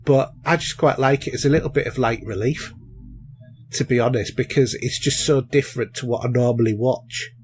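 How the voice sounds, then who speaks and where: A man's voice: medium pitch, steady tone, a little fast, faint music behind. Rambling man in casual chat. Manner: rambling, many fillers and restarts. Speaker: podcast co-host. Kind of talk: casual chat reviewing films and shows.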